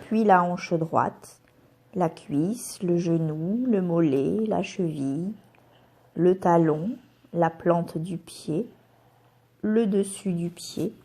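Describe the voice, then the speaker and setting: Her fairly low, husky voice guides a relaxation meditation as a yoga nidra instructor. The instructions are calm, soothing, and measured, each followed by a pause.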